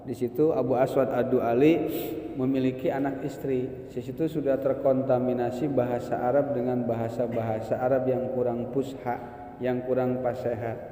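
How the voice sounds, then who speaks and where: A man teaching an Islamic grammar lesson, animated, chanting Arabic verses and slipping into slang. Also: medium pitch, moderate pace, a little hiss or hum. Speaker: religious teacher. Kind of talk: kitab study lesson. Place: mosque hall. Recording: echoey hall reverb.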